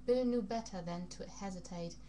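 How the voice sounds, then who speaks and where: A woman's voice: mid-range voice, moderate pace, mellow. Casting: woman, amateur audiobook-style reader, put-on foreign accent, occasional stumbles, slight hum and noise on the recording. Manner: stumbles over words and rereads phrases. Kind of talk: amateur reading aloud of a vampire novel. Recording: noisy recording with background hum.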